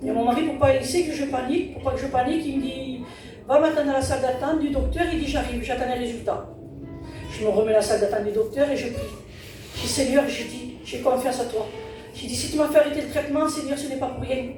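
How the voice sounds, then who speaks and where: A woman speaks earnestly at a church service, recounting what happened in a chain of "I said" and "he said." She has a high, steady, darkish voice and a quick pace; the hall is very echoey, the mic distant, and music plays in the background.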